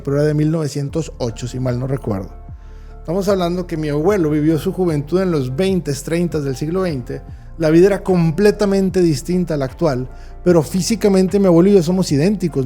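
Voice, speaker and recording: Man, slightly high, mellow voice, faint music behind. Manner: fast, animated, uses vivid examples. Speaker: host. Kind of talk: explanatory talk on psychology.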